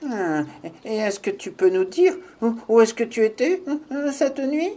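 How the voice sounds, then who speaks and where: A woman's voice: fairly high pitch, expressive, unhurried, warm tone. A woman voicing a small, proud, curious male squirrel in a children's audio story.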